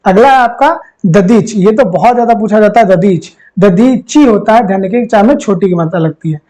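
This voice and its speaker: A man's voice: high voice, normal speed, warm tone, rough recording. Man tutoring Hindi exam spelling. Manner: repeats words and quizzes the viewer; calls viewers friends. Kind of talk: Hindi grammar lesson.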